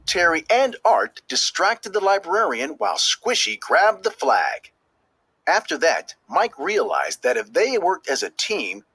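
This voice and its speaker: This is a scripted children's read-aloud: a male storybook reader with a fairly high, slightly husky, very animated voice stresses key words expressively and emphatically. The audio is poor, though there is no echo.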